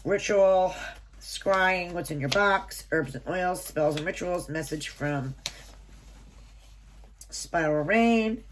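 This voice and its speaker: A subscription box reviewer with a low voice talks slowly, sounding stuffy and nasal from a head cold. In a casual unboxing in a small room at home, she reads item lists and prices from a booklet with offhand remarks, over a steady background hiss.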